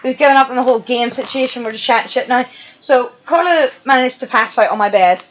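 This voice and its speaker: A woman's voice: on the high side, fast, a little hiss or hum. A woman hosting a casual stream, telling sweary, chatty stories. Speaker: streamer host. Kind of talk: casual chat. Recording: muffled lo-fi stream audio.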